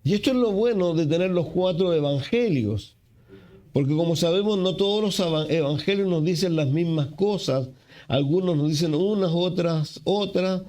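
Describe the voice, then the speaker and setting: A man from Chile preaching a sermon as pastor, unhurried, with fillers and self-corrections. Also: fairly high pitch, dark tone. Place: church.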